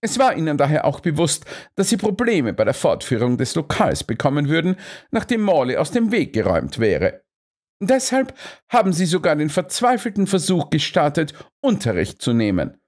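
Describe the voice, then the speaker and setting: A man's voice: on the high side, wildly swooping pitch, moderate pace, darkish tone, pitched above the performer's own voice. Man voicing Sherlock Holmes, cool and ironic. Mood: coolly accusing. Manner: polite, ironic, coolly precise. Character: shrewd male Victorian detective, calm and cutting. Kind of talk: audiobook character reading.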